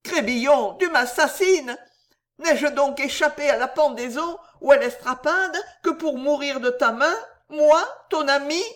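A woman's voice: on the high side, big pitch swings, measured pace, pitched above the performer's own voice. A woman doing a whimpering fat drunkard. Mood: tearful pleading. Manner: whining, tearful, stammering. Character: fat old drunkard man, tearful and pleading.

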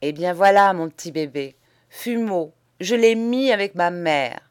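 A woman's voice: fairly low pitch, animated, a little slow, clear, resonant tone. A woman voicing a cynical, spoiled young Parisian man with a drawling Paris accent, mocking and gleeful, in an audiobook. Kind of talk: audiobook character voice.

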